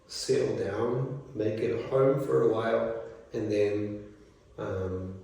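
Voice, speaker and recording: Middle-aged kiwi teacher, low mellow voice, rambly with lots of ums, far off in a really echoey room. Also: male voice, slow pace, gravelly. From New Zealand. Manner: relaxed, rambling, many fillers. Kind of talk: casual interview answers. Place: school room.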